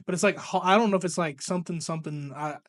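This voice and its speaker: A man's voice: fairly high pitch, quick pace, fairly bright tone, dry recording, clean studio sound. A man co-hosting a wrestling podcast, chatting casually, loose and profane, laughing often. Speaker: podcast co-host. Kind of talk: casual chat.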